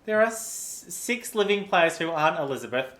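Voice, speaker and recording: A woman acting as game moderator, speaking in a formal, deliberate, official way. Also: fairly low pitch, expressive, noisy background. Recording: echoey room.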